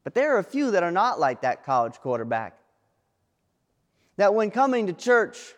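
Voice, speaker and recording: A man preaching a sermon as pastor, dramatic, with pauses and repeated refrains. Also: high-pitched, big pitch swings, long reverb tail. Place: church sanctuary.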